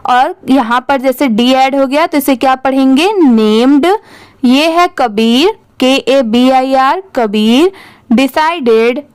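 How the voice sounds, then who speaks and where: Patient woman teacher, slow and deliberate, high voice, walks through spellings letter by letter. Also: dry recording. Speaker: English reading teacher. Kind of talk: spelling out and reading English words.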